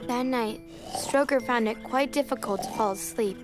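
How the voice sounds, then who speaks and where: A woman playing a girl who reads a storybook aloud to young children in an expressive way, as in a cartoon. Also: on the high side, normal speed, close to an everyday voice. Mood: storytelling. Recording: music behind the voice.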